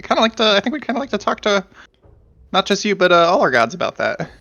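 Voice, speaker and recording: A man playing a tabletop game, speaking hesitantly with many halting fillers. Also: sits high, very animated, creaky, sharp tone, dry recording, highs cut off. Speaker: player. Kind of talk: casual tabletop play.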